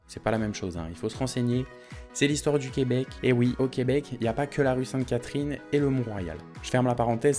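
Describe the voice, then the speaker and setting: A man's voice: medium pitch, a little mellow. A young man from France with a French accent, talking casually and jokingly to his viewers in a vlog. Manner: joking, chatty, addresses viewers as tu. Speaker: vlogger. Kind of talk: casual direct-to-camera vlog.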